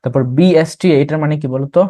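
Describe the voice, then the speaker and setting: A man's voice: a little high, fairly even intonation, fast talker, dark tone. A young man teaching an admission test revision class, explaining terms and quizzing students as he goes.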